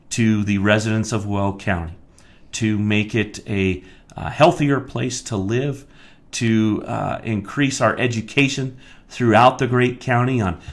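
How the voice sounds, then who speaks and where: An American man hosts a live stream as a county commissioner, his mid-pitched voice turning emphatic and heated, then slowing into a halting delivery full of fillers and restarts. He sounds like a local official talking straight to his viewers. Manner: worked-up, emphatic, rising to near-shouting; many fillers and restarts when calmer. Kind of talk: live-streamed political talk.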